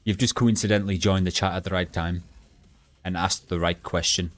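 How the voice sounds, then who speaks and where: A young man streaming a game, chatting bluntly and rambling with halting restarts to his live chat. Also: low-pitched, fairly even intonation, no room sound, soft background music. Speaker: gaming livestreamer.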